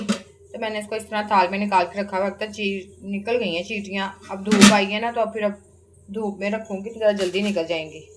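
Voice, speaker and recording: A woman's voice: medium pitch, noisy background. A young woman, a mother, chatting casually to her viewers in a rambling family vlog.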